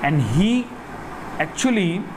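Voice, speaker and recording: A man's voice: high voice, very animated, slow pace, noisy background. A middle-aged man with a North Indian accent, a native Hindi speaker, gives an explanatory lesson, repeating phrases and putting questions to his students. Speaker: teacher.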